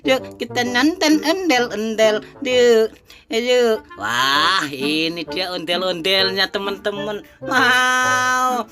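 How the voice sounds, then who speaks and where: A woman who narrates playfully for children as a clown vlogger and is full of excited exclamations. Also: on the high side, slow pace. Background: music.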